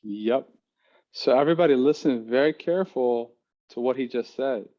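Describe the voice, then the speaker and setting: A man teaching a mindfulness class in a lively, joking and direct way. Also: medium pitch, moderate pace, dull audio.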